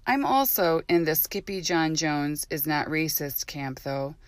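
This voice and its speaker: A woman's voice: sits low, animated, measured pace, dry recording. A mother telling first-person parenting stories in a reflective, earnest and candid way.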